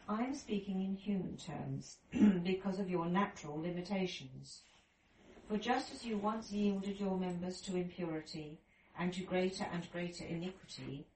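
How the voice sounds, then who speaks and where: A woman in a study group reading a scripture passage aloud in a steady, careful way. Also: fairly low pitch. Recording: roomy, distant from mic, faint room noise.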